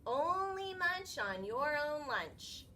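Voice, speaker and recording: A woman's voice: sits high, sing-song, takes it slowly, bright, forceful tone, slight background noise, pitched above the performer's own voice, exaggerated voice. A woman voicing an eager, big-hearted young boy shark in a storybook read-aloud. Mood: chanting, self-reminding.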